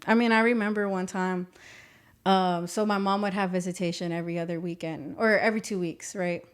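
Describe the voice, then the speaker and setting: A woman's voice: lowish voice, a little fast, smooth. A woman, telling stories in a casual interview and acting out quotes. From South Texas. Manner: animated, acts out quotes, laughs through stories. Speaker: guest, business owner.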